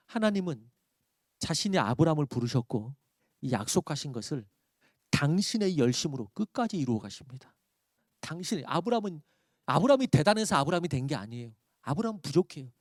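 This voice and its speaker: Korean pastor preaching, higher voice, dry sound. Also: male voice, no room sound. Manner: preaches with sudden loud emphatic peaks and quiet asides; reads scripture slowly aloud. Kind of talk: sermon.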